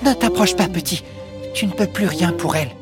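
A man's voice: high voice, a little fast, over music, voice pushed up, lightly acted. Narrator as fierce proud dragon boy, stern, storybook.

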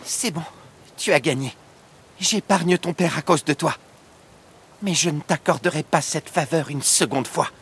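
A man's voice: a little high, measured pace, pauses often, fairly bright tone, breathy edge, voice pushed up, exaggerated voice. Narrator as fierce proud dragon boy, stern, storybook.

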